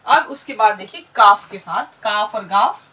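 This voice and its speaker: Female teacher, bright voice, slow and patient, drilling syllables, mic a bit distant. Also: medium pitch, animated. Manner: patient, drills syllables one by one and has listeners repeat. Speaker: Urdu teacher. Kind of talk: slow classroom lesson, spelling out sounds.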